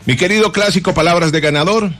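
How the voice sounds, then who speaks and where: A man's voice: high-pitched, fast talker, a little hiss or hum. A man hosting a morning radio show, chatting playfully with his co-hosts. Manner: lively, playful, jokes with co-hosts. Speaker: radio host.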